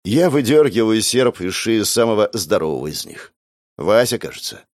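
A man narrating an audiobook, acting out the characters' lines with shouts and whispers. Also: fairly low pitch, big pitch swings, moderate pace, dry recording, clean studio sound. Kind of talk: dramatized audiobook reading with acted dialogue.

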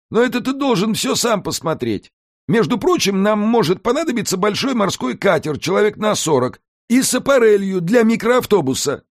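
A man voicing an excitable, scheming male house brownie in an audiobook, brash and wheedling. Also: high-pitched, dry recording, studio quality, voice pushed up. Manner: fast-talking, brash, wheedling. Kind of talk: audiobook character voice.

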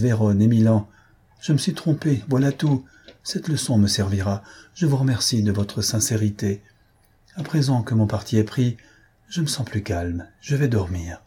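A man's voice: fairly low pitch, dark tone, breathy edge. A man reading aloud and voicing a distraught young woman actress, speaking in a raised, indignant way. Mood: resigned.

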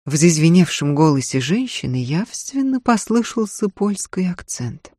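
A man reading a novel aloud in measured, even narration. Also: a little high, dry recording, studio quality. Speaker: audiobook narrator.

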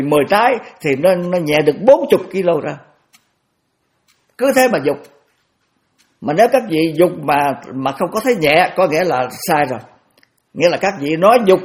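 Elderly monk repeating his phrases. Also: fairly high pitch. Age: 80s. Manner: repetitive, stammering restarts, homely examples. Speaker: Buddhist monk teacher. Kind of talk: dharma talk.

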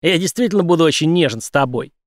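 A man voicing a grinning, menacing man from a nightmare, loud and leering in a raised voice. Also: a little high, lively intonation, quick pace, no echo, studio quality, pitched above the performer's own voice, lightly acted.

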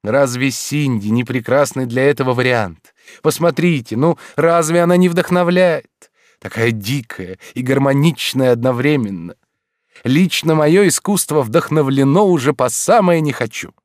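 A man's voice: mid-range voice, moderate pace, dry recording, clean studio sound, voice pushed up, natural voice. A man voicing a dreamy, eccentric middle-aged male art teacher who drawls each word blissfully.

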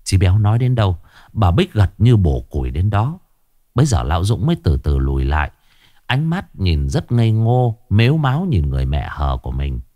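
A man's voice: sits low, fairly quick, no room sound. A man narrating a horror story expressively. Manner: expressive, animated. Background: faint music.

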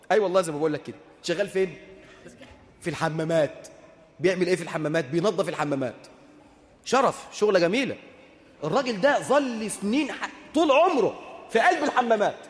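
A man's voice: high-pitched, long reverb tail. A man with an Egyptian Arabic accent preaching a sermon, telling a story with humor and asking the audience rhetorical questions.

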